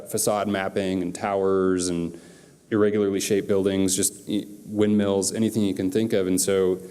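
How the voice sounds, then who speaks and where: A man's voice: lowish voice, mellow. A man giving a conference talk from the stage, speaking casually with lots of fillers. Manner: casual, loose presenter with many fillers. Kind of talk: conference presentation. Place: conference hall. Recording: long hall reverb.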